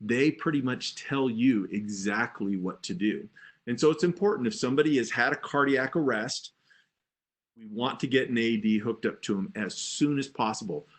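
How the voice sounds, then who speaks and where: A man's voice: medium pitch, normal speed. Conversational male first aid instructor, reassuring. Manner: plain-spoken, reassuring, conversational explaining. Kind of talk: informal instructional talk.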